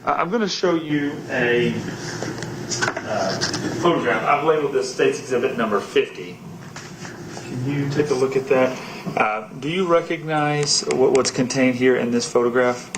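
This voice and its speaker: A man questioning a witness as an attorney, in a halting, folksy, courteous and conversational way. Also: mid-range voice. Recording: roomy, distant, noisy courtroom pickup.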